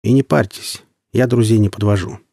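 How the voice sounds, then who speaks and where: A shrewd, steady scavenger leader, as a man reads him, talks low in a husky, mellow voice. He keeps his warnings matter-of-fact and low-key. The sound is close and dry. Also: normal speed, no echo. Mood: calm, knowing.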